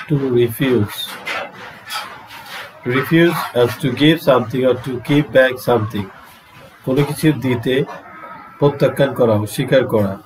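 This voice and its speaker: A man's voice: medium pitch, a little mellow, slight background noise, rough recording. A man with a Bangladeshi accent teaching English vocabulary, drilling pronunciation and switching into Bangla to explain. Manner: drawn-out pronunciation drills, repeating words. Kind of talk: slow vocabulary lesson mixing English and Bangla.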